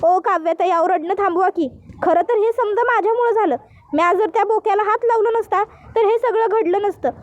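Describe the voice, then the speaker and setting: A woman's voice: extremely high pitch, brisk, dry recording, muffled recording. A woman voicing an earnest village maid who speaks in rural Marathi dialect, pleading and apologetic.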